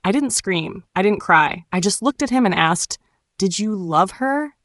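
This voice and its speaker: A woman narrating a dramatic first-person storytime tale in a cool, wry, sharp-tongued way. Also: mid-range voice, animated, a little slow, dry recording.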